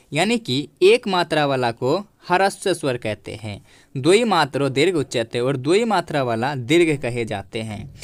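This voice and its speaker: A man's voice: medium pitch, dry recording. A man teaching a grammar lesson, explaining each point patiently and repeating it, speaking to viewers as friends.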